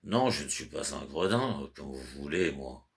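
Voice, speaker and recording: A man's voice: very deep voice, animated, normal speed, creaky, exaggerated voice. A man voicing a drunken, stubborn male servant who denies everything indignantly. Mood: sulky.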